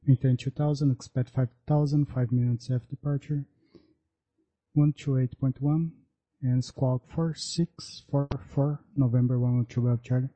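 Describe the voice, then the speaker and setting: A man reading back clearances as a pilot over radio from a cockpit headset. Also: mid-range voice, fairly even intonation, moderate pace, mellow. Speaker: pilot on air traffic radio. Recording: muffled aviation radio.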